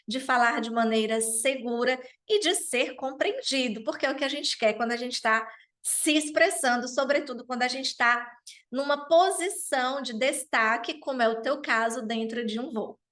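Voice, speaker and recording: A woman's voice: sits high, normal speed, a bit bright. A woman teaching a French pronunciation lesson, saying each word carefully and repeating it.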